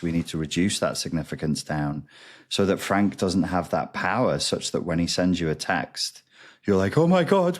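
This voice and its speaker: A man with a very low voice, guesting on a podcast as a recovery expert. He lays out ideas patiently and step by step, with plenty of pauses to rephrase. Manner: measured, explains step by step, frequent ums and restarts. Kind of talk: explanatory interview talk.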